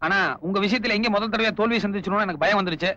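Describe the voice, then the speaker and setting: A quick, bright-voiced wry thief. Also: male voice, high-pitched. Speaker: thief turned helper. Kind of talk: film dialogue. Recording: dull lo-fi film audio with music.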